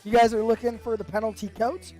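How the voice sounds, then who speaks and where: A man's voice: high voice, flat delivery, fast talker, darkish tone, faint music behind. A man commentating a live sim race, upbeat and rambling with fillers, his voice worn from the flu. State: sick with flu.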